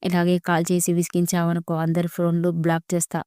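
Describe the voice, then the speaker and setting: A woman narrator voicing a moody, sharp-tongued young wife in a romantic audio story. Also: on the low side, completely flat delivery, fast talker, smooth, dry recording, clean studio sound, lightly acted. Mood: irritated. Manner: snappy, exasperated.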